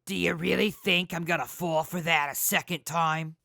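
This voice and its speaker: Heavily creaky, bright female voice, actress as wary, by-the-book jail guard, radio drama. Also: on the low side, fairly even intonation, moderate pace, slight background noise. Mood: suspicious. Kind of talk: audio drama acting.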